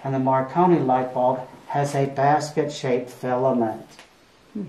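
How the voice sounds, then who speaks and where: A woman with a deep, dark-toned voice chats to a tour group as their guide inside a cave. She is folksy and full of dry little jokes. The sound is on-location camera audio with clear noise around her. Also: measured pace, low-quality recording. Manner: folksy, joking. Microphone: visitor's camera at some distance.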